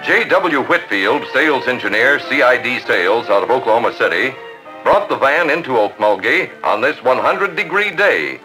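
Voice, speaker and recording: A man's voice: medium pitch, big pitch swings, normal speed, sharp tone, soft background music, low-quality recording. A man narrating a 1950s corporate newsreel in a polished, promotional announcer manner.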